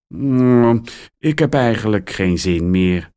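A man's voice: fairly low pitch, expressive, slow, mellow. A man voicing a young boy in a children's story who often loses and sulks about it. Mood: glum. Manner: sulky and sighing.

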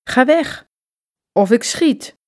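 A woman voicing a boastful, timid old man in a slow, emphatic storybook reading. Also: medium pitch, animated, mellow, no room sound, clean studio sound. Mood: exclaiming.

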